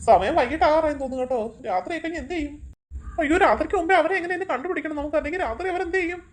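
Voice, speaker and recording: A fretful companion, fussy about her hair, played by a woman chatters away in a kids' fan drama. Her voice sits high and she talks quickly. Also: close to an everyday voice.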